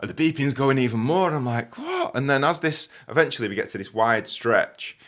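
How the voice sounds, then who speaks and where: A man's voice: mid-range voice, a little fast. A young man telling stories in a casual chat. He talks with lots of fillers and laughs often. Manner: animated, laughing storyteller with many fillers. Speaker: guest host.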